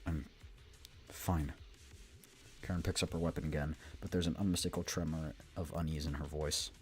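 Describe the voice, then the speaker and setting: A man's voice: rumbling low, little pitch movement, fast talker, soft background music. A man reading video game narration aloud as a streamer. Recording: background noise.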